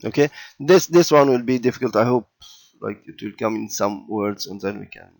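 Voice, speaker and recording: A man teaching children to read letters, patient and unhurried, often pausing with "okay" and repeating sounds slowly. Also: fairly low pitch, vocal fry, a little mellow. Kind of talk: slow explanatory lesson for children.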